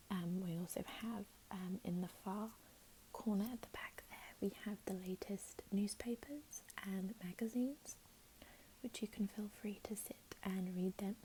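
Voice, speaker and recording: A woman playing a helpful, chatty librarian in a whispered role-play, speaking in a gentle, unhurried library whisper. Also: mid-range voice, slight background noise, lightly acted, poor audio. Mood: helpful, soothing. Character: helpful, chatty female librarian signing up a patron.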